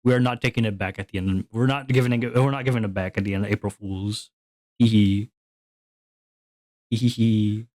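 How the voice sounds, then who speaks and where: A man's voice: lowish voice, fairly even intonation, a little fast, pauses often, a little mellow, close to an everyday voice. A man voicing a smug bank that giggles and taunts its customers while streaming. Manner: taunting, tittering.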